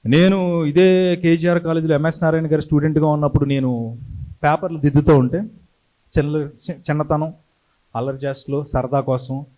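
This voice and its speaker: A middle-aged man, a TV anchor who tells stories in an animated way to a hometown audience and acts out the voices he quotes. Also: on the high side, normal speed, pauses often. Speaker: TV anchor and creative director telling stories. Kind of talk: storytelling speech to a hometown audience.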